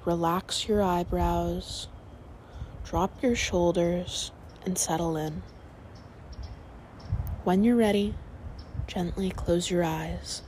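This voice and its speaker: A woman narrating a sleep story, reading aloud in a calm, soothing way. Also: lowish voice, slow pace, long pauses, slight background noise.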